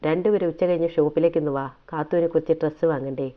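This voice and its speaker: Man doing a gentle protective elder brother. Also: fairly high pitch, fairly even intonation, very fast, natural voice. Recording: tinny phone-like audio.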